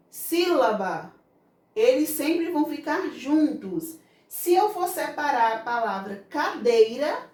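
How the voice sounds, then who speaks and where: A woman teaching a grammar lesson to children with a Brazilian Portuguese accent, explaining slowly and patiently. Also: high-pitched, a little mellow. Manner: slow, patient explaining, voices children's questions. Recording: echoey room, mic far off.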